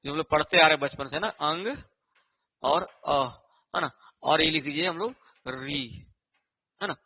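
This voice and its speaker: A male teacher giving an online exam-prep lesson, explaining slowly while writing on a board and checking in with a repeated "isn't it" after each point. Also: on the high side, bright, forceful tone, husky. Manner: repetitive, with a constant rhetorical "है ना" and "ठीक है".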